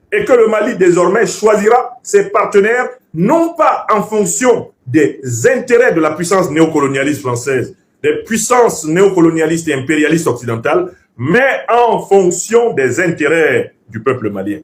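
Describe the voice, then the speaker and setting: With a slightly high voice that swings widely in pitch, a male political commentator raised speaking Bassa lectures like an orator. He is emphatic and professorial, repeating his points to hammer them in.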